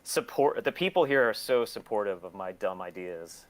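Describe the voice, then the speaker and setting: Expressive and fairly low-pitched, this man speaks at normal speed as an interview guest. He owns a record label and a shop, and he rambles casually, making fun of himself and swearing freely.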